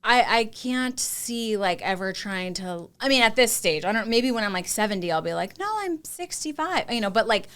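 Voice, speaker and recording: A woman's voice: medium pitch, animated, moderate pace, few pauses, a bit bright, clear, resonant tone. A woman in her forties hosting a podcast, chatty and upbeat, thinking aloud with restarts. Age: 40s. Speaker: podcast host. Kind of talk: casual interview chat.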